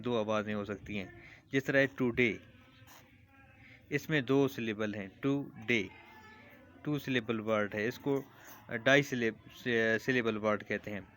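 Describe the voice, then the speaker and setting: Patient male teacher explaining slowly. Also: medium pitch, a bit bright, slight background noise. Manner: patient, repeats examples slowly. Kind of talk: classroom lesson explanation.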